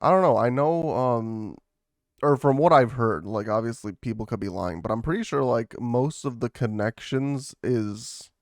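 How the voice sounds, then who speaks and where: Guy rambling on a podcast, smooth clear voice, super dry close sound, says um a lot. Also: medium pitch, moderate pace, a little mellow, dry recording. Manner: rambling, lots of fillers and swearing. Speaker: podcast co-host. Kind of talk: casual chat.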